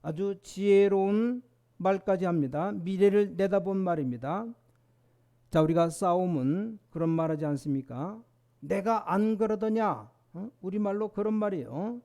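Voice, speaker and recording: A man's voice: high-pitched, normal speed, dark tone. A middle-aged man preaching a sermon in church, often posing rhetorical questions and acting out people's complaints. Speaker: pastor.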